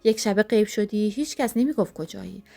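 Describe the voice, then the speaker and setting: A woman's voice: medium pitch, gravelly, dark tone, lightly acted. Give me a woman voicing an insistent heartbroken young man in an audio story. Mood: angry. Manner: pleading, accusing.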